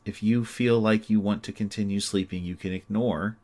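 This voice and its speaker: Deep voiced guy doing sleep hypnosis, slow soothing repeats, pretty monotone.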